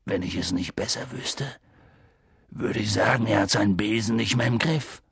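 A man voicing a big, gruff male gamekeeper who mutters low and worried. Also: normal speed, fairly bright tone, no room sound, clean studio sound, heavily acted. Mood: puzzled.

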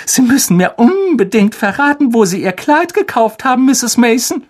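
A storybook narrator putting on a high, shrill voice for a gushing, fussy aunt. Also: sing-song, moderate pace.

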